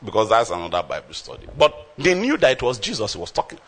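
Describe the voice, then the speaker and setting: A man's voice: on the low side, big pitch swings, quick pace. A man preaching a sermon, explaining scripture verse by verse and calling out emphatically to his congregation.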